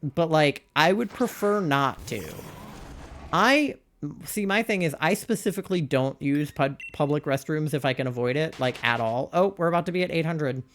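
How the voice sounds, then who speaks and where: Expressive and on the high side, this young adult man's slightly bright voice moves at a moderate pace as he streams a game live. He chats candidly and rambles, peppering his speech with "like" and exasperated rhetorical questions.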